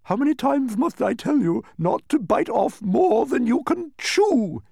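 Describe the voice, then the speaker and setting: Guy putting on a fussy bickering lord, high voice, swoopy and scoldy, storybook style. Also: very animated, a little slow, no room sound, studio quality. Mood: scolding. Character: fussy, excitable bickering nobleman at royal banquet.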